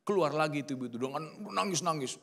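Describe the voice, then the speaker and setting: A man's voice: mid-range voice, moderate pace. A middle-aged man preaching a sermon at a church service, telling stories with acted-out quotes. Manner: lively storytelling with acted quotes. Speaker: pastor.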